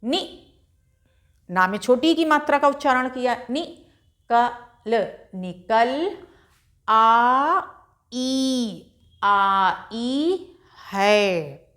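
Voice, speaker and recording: Woman teacher, Indian Hindi accent, slightly high voice, very slow and patient, sounds out syllables one by one. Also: a bit bright. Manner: patient, spells out each syllable and repeats. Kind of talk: slow board lesson, syllable by syllable.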